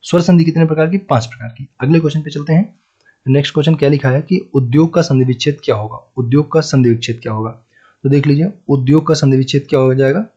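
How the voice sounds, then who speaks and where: A man's voice: on the high side, quick pace, dark tone, slightly rough. A male Hindi teacher with a north Indian accent going through exam questions, repeating each answer and quizzing the listener. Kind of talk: exam-prep lesson. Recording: dull lo-fi recording.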